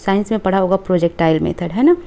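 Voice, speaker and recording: Quick, creaky, and fairly low, this woman's dark voice leads an exam question review. As a teacher she reads out every answer option and regularly checks with her class, saying "ठीक है".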